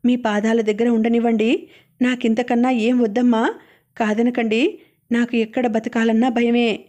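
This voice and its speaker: A woman reading as a timid young servant girl, meek and pleading, fairly high voice, mellow and even, storybook audiobook. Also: normal speed, close to an everyday voice. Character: timid young orphaned maid, fearful and devoted.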